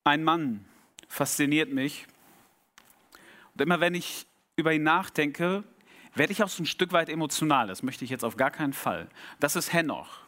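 A man preaching a sermon, reflective and intimate, often dropping to a soft low voice and asking the congregation direct questions. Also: normal speed.

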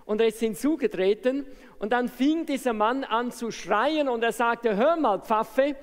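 A man's voice: very high-pitched, normal speed. A man preaching an impassioned evening sermon who raises his voice to make his points. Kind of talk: evangelistic sermon. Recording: reverberant hall.

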